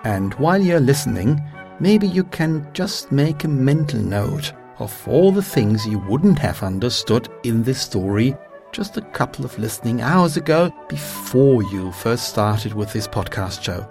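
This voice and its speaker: A man hosting a language podcast, slowly drilling phrases and narrating a story in a deliberate, teacherly way. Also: mid-range voice, very animated, creaky, darkish tone, soft background music. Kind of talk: slow instructional narration.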